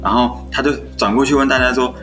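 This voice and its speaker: Faint music plays behind this medium-pitched, fast-talking man in his twenties. He's an elementary school teacher with a Taiwanese Mandarin accent, casually recounting classroom stories and performing what people said with lively energy.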